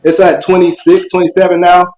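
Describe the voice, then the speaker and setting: A man calling in to a show, explaining himself casually and earnestly, halting and repeating his words as he goes. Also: sits high, monotone, noisy background. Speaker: caller on a call-in show. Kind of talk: casual unscripted debate.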